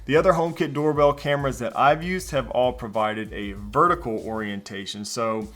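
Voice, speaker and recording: A man's voice: mid-range voice, a little fast, a bit bright, soft background music. A man giving a casual walkthrough review of a video doorbell, explaining features with the odd filler word. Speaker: tech product reviewer.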